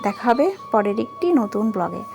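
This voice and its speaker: A woman's voice: mid-range voice, sing-song, normal speed, gravelly. A woman, a mother chatting to her viewers in a casual family vlog at home. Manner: chatty, addresses viewers directly. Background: background music.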